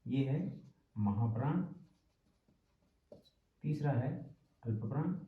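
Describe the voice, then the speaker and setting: A man teaching an exam-prep lecture, patient and repetitive, often pausing to check in with his listeners. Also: medium pitch, animated, narrow, tinny audio. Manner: patient, repeats terms and checks in with "ठीक है". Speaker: Hindi teacher. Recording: roomy, distant from the mic.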